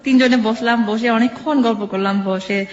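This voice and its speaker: A woman's voice: fairly high pitch, fairly even intonation, normal speed. A young woman in her twenties from Bangladesh, calling in to a radio show and earnestly telling a personal story, often repeating phrases and quoting what others said. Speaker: caller. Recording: muffled phone-line radio audio.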